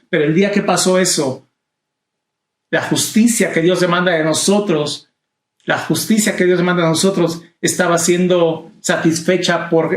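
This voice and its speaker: A man's voice: on the high side, reverberant. A man preaching a Bible study sermon, repeating key phrases with emphasis and calling the listener brother. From Latin America.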